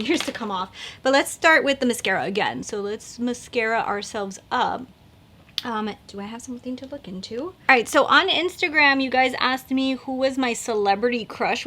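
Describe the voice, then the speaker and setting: Her voice is a little high, pushed and bright. She's a beauty vlogger in her thirties, chatting loosely during her makeup routine and filling her talk with likes and fillers.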